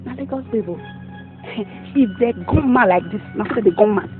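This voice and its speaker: A woman's voice: a little high, moderate pace, natural voice. A woman with a Nigerian Pidgin accent plays a young woman who rants angrily and threatens her lover's new girl. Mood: angry ranting. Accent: Nigerian Pidgin English. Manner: heated, ranting, threatening. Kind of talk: film drama acting. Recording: tinny lo-fi audio with loud music.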